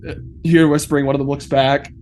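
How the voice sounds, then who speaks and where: Halting male game master, noisy recording. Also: medium pitch, little pitch movement, a little mellow. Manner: halting, stammering, improvising. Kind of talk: improvised tabletop game narration. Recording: clear background room noise.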